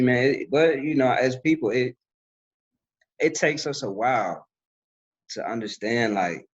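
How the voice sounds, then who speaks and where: A man's voice: on the low side, husky, muffled recording. A man talking in a loose, reflective way on a podcast, full of fillers. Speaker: podcast host. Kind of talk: casual conversation.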